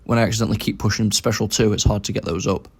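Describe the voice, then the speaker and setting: A man's voice: fairly low pitch, fairly even intonation, racing, slightly rough. A young man giving casual commentary over his own game, thinking aloud about each move as he plays.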